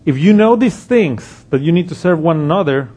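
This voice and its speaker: A man's voice: a little high, animated, normal speed, a little mellow. A man preaching a sermon, explaining scripture verse by verse with frequent restarts and quoted passages. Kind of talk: expository sermon.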